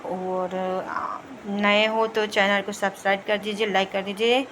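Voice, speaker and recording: Young woman chatting through her daily home vlog, pretty flat delivery, bit of faint background noise. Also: medium pitch, measured pace. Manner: chatty, running commentary on home routine. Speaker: vlogger. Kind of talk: casual vlog narration.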